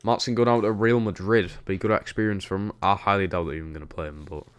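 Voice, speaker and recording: Talking fast in a deep voice with fairly even intonation, a young Newcastle man with a Geordie accent chats over football on his stream. He reads chat along the way, and the tone is clean.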